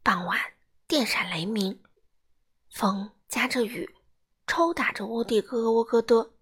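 A woman reading a children's storybook aloud in a gentle, expressive way. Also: on the high side, unhurried, husky.

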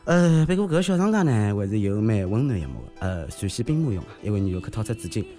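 A man's voice: fairly low pitch, sing-song, fast talker, mellow, faint music behind. A man with a Shanghai accent hosting a podcast, giving humorous news commentary in a joking, teasing manner. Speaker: host of a comedy news podcast.

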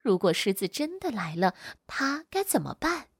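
A woman reading a children's storybook aloud in an expressive, animated way. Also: on the high side, normal speed, husky, dry recording, studio quality.

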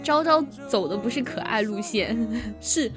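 A young woman co-hosting a casual chat stream, telling stories in a giggly, animated way with many restarts. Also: a little high, a little slow. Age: young adult. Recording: music playing in the background.

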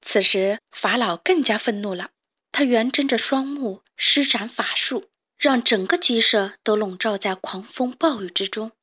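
Woman, children's storyteller, fairly high voice, gentle expressive reading, storybook narration. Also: a little slow, husky.

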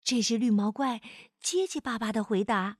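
A woman narrating a children's storybook in an expressive manner, stretching her sentence-final particles. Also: a little high, normal speed, dry recording, clean studio sound.

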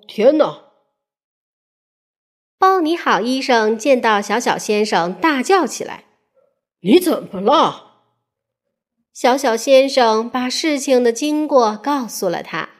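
A mother reading a picture book aloud to children in an expressive, playful way. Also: high voice. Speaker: mother storyteller.

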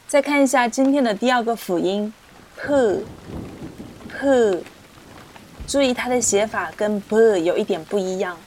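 A woman teaching pronunciation, explaining patiently and repeating syllables slowly for learners. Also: on the high side, darkish tone, a little hiss or hum. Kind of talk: slow, clear teaching explanation with drilled syllables. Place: indoors, rain heard outside.

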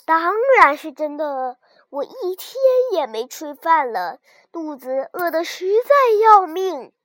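Woman playing a hungry bully wolf, loud blustering voice, dry close recording. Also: high-pitched, animated, measured pace, dry recording. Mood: grumbling.

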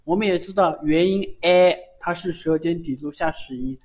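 A man's voice: a little high, moderate pace, a little mellow. A man teaching Japanese syllables in a live online lesson, patiently repeating each sound over and over. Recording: dull lo-fi stream audio.

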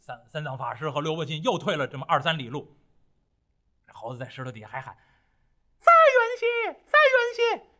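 A man telling a traditional Chinese story in a dramatic, rhythmic, expressive way. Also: medium pitch, quick pace.

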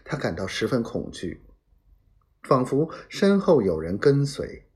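With a medium-pitched, sing-song voice and a slightly slow pace, a man performs a serialized historical novel aloud. He storytells dramatically, whispering sound effects under his breath.

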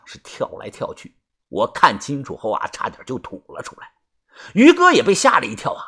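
Husky, dramatic male storyteller. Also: on the high side, fairly bright tone. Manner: dramatic, with many drawn-out filler particles. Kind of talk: first-person audiobook narration.

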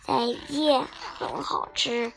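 Brief: a woman reading a gruff but tender tyrannosaurus dad in a kids' storybook, hushed and gentle, slightly gravelly, with music behind. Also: high voice, slow, exaggerated voice.

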